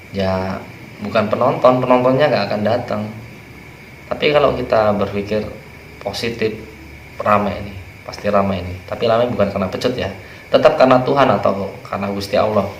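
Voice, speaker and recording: A man, speaking as a spiritual teacher in a relaxed, rambling way, trailing off softly at the ends of phrases. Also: lowish voice. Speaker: spiritual teacher explaining rituals. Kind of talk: casual explanatory talk. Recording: echoey room with faint ambient noise.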